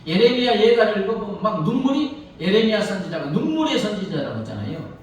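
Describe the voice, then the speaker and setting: Pastor, male, animated sermon delivery with a wide-ranging voice, heard from a distance in a very echoey church. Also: high-pitched, fast talker, a little hiss or hum. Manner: storytelling, rhetorical questions to the congregation. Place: church sanctuary. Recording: echoey hall, mic from far off.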